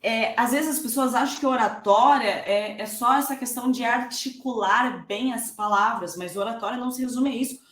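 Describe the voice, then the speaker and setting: A woman's voice: fairly high pitch, moderate pace, hardly any pauses, reverberant. Slangy woman teaching public speaking. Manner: casual, slangy, repetitive examples. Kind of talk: masterclass lecture.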